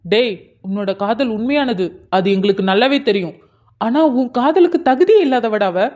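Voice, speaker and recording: நேரடியாகக் கண்டித்தும் ஆறுதல் சொல்லியும் பேசும் விசுவாசமான இளைஞன் நண்பனாக நடிக்கும் ஒருவர்; கார்ட்டூன் நாடகக் குரல். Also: male voice, extremely high pitch, expressive, normal speed, a little mellow. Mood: scolding. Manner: scolding then soothing, direct. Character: blunt loyal young male friend. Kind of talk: cartoon drama voice acting. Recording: dull lo-fi sound.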